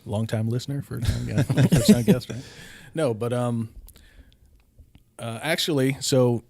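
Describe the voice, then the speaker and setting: A middle-aged man from Hawaii, a podcast guest telling his life story with many pauses and fillers. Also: mid-range voice, vocal fry, darkish tone. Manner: hesitant, many ums and uhs, laughs often. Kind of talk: casual storytelling.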